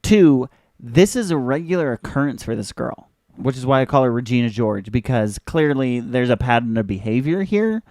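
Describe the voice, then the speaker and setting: A man's voice: mid-range voice, lively intonation, normal speed, darkish tone, no room sound. Young male commentary host, sarcastic and chatty, dry close recording. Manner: sarcastic, joking, chatty with many fillers. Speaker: video host. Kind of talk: casual commentary on an old commercial.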